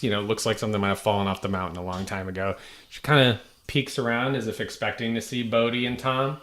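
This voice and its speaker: Laid-back low-voiced man game master. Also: fairly bright tone. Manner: laid-back, chuckling narration. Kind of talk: narrating a tabletop game.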